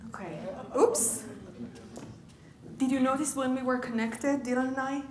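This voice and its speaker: A woman's voice: high voice, fairly even intonation, fast. Woman, leadership coach, lecture room, echoey, faint background noise. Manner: engaging, checks in with the audience often. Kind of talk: conversational lecture.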